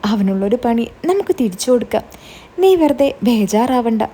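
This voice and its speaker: A kind, protective middle-aged man speaks gently and reassuringly, as a woman narrator voices him. The voice stays mellow and a little husky, close to the storyteller's own. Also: on the high side, lively intonation, normal speed. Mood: persuading. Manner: gentle, consoling. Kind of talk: storytelling, quoted dialogue.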